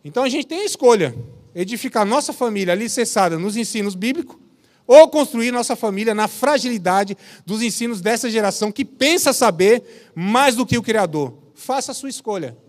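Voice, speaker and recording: A man's voice: sits high, animated, brisk. A man, preaching a sermon as pastor, with impassioned declarations and folksy, humorous storytelling.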